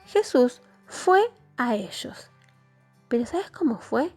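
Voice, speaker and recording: A woman's voice: a little high, takes it slowly, husky, soft background music. Sing-song Argentine woman teaching little kids. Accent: Argentine Spanish. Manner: sing-song, exaggerated expressive storytelling. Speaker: children's Bible class teacher. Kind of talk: storytelling to young children.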